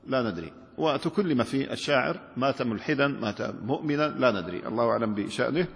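A man, a sheikh, teaching a classroom lecture on rhetoric, putting questions to his students and often restarting his words. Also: medium pitch. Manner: lively, asks students questions, many restarts. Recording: long hall reverb.

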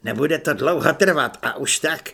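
A man voicing a gruff, bullying male army corporal in an audiobook, barking scornful orders. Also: on the high side, a bit bright, exaggerated voice.

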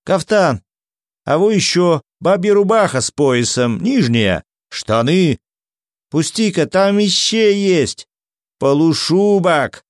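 A man voicing rowdy drunk soldiers in a tavern, shouting raucously in a raised voice. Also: high-pitched, sing-song, slow pace, no room sound, studio quality, pitched above the performer's own voice, full character voice.

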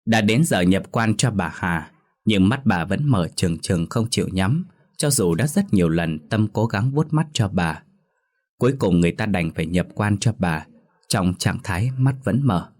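A man narrating a scripted ghost story in a steady storytelling manner. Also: low voice, normal speed.

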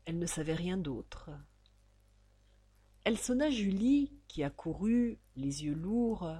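Lectrice lente et expressive. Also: female voice, fairly low pitch, takes it slowly, slightly rough. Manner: expressive, theatrical. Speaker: audiobook reader. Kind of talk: dramatic audiobook narration.

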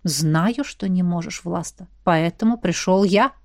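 A brooding warrior man from an audiobook romance murmurs his devotion in a low, hushed voice, as a woman narrator puts him on. The sound is dry and close, with no room around it. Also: unhurried, no echo. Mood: calm. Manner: soft, hushed, intimate. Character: brooding male warrior lover, low and tender.

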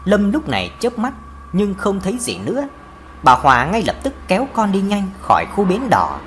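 A woman narrating a ghost story in a dramatic, expressive way. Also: medium pitch, moderate pace, slight background noise. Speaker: audiobook narrator.

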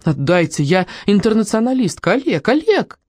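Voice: mid-range voice, big pitch swings, moderate pace, darkish tone, dry recording, clean studio sound, voice pushed up. A reader voicing an eccentric old woman fussing and calling out for her son. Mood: frantic.

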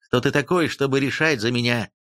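A man voicing a proud, gruff young male swordsman who growls his words defiantly in an audiobook. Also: medium pitch, brisk, a bit bright, dry recording, clean studio sound, lightly acted. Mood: growling.

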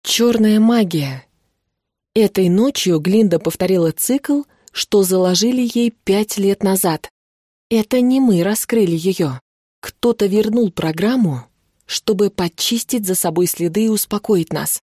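A woman narrating a first-person fantasy audiobook in an even, measured reading. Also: mid-range voice, no room sound, clean studio sound.

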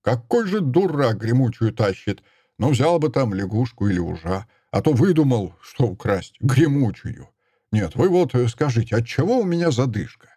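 A man reading an audiobook voices a seventy-year-old mischievous drunk carpenter with a creaky, querulous, nagging voice. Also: mid-range voice, very animated, normal speed, warm tone, dry recording, studio quality. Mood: scornful grumbling. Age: 70s. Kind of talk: audiobook character voice.

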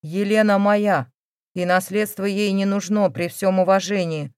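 A woman voicing an unflappable young man who speaks quietly and firmly. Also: on the low side, moderate pace, no echo, studio quality, lightly acted. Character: calm, confident young man, possessive.

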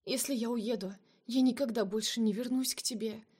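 A woman's voice: a little high, fairly even intonation, fairly quick, a little mellow, breathy edge, pitched above the performer's own voice. A woman voicing a desperate young woman who pleads emotionally with her lover. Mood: pleading. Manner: pleading, emotional, breaking into cries.

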